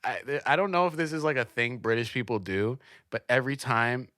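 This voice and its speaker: A young man hosts a casual podcast chat, his pitch swinging up and down as he teases his guest. His manner is playful, and he often breaks into laughter. The sound is dry and close. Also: animated, brisk, pushed and bright, no room sound. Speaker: podcast host.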